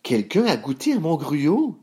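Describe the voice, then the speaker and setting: A man's voice: fairly high pitch, huge pitch swings, measured pace, a little mellow, husky, pitched above the performer's own voice, full character voice. A man voicing a fussy mama bear in a storybook reading, with a raised, exclaiming voice. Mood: alarmed.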